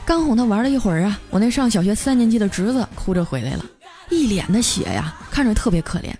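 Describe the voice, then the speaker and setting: A woman, hosting and telling a comic story in a lively, chatty way. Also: mid-range voice. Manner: lively, chatty, drawn-out particles. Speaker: radio story host. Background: faint music.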